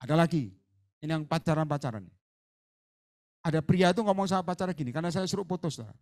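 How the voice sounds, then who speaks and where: Fiery preacher man, raised pitch. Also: animated, fast. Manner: swings between soft asides and loud fiery exhortation; mixes English words into his preaching. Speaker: pastor. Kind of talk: sermon. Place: church hall.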